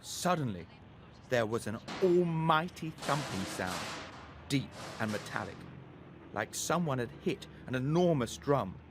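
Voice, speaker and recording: Faint traffic sounds sit behind a storyteller as he reads a scripted children's tale. His medium-pitched voice moves in a deliberate, expressive way.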